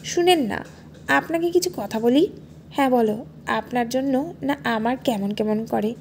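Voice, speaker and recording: A woman's voice: on the high side, measured pace, creaky, darkish tone, a little hiss or hum. A woman voicing a naive, playful young wife in an audio story, speaking in a sweet, coaxing, innocent way. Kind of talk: storybook dialogue.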